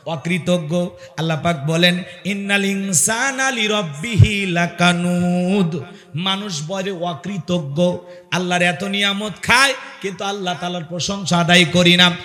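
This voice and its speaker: A man preaching a fiery sermon at an outdoor gathering, calling on the crowd to answer and driving rhetorical questions through a loudspeaker microphone. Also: sits high. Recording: long echo of a loudspeaker.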